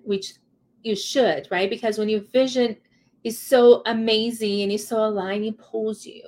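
A woman's voice: medium pitch, a little mellow. A woman coach giving motivational vlog advice in an earnest, conversational way, repeating words for stress and checking in with the listener.

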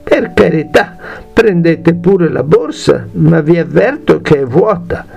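A man's voice: a little high, expressive, slow, creaky, darkish tone, breathy edge, faint music behind, heavily acted. A man doing a cheerful young drummer soldier.

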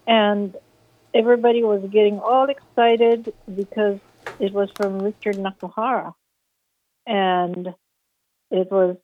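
A woman's voice: on the low side, no room sound. A woman, chatting casually as a radio guest and telling a rambling story full of fillers. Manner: rambling, many fillers, laughs often. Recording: tinny phone line.

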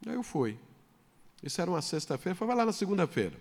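A man's voice: high-pitched, big pitch swings, fast talker. Fervent preaching man in a reverberant hall. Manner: storytelling that builds to loud, fervent preaching. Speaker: pastor. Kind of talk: sermon with a personal story. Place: church hall.

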